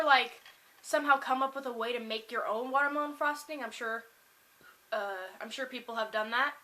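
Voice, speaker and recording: A young woman vlogs from her kitchen in an upbeat, rambling way, her voice bright and a little high. She trails into fillers and restarts as she talks to the camera. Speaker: food vlogger. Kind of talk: casual chatty vlog. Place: home kitchen.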